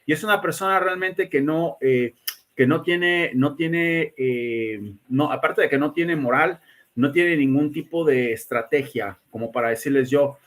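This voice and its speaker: A man's voice: on the high side, unhurried, a bit bright. Emphatic man hosting a livestream. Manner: greets viewers by name between points; emphatic, repeats words and restarts often. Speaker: livestream host giving predictions. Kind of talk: casual livestream talk.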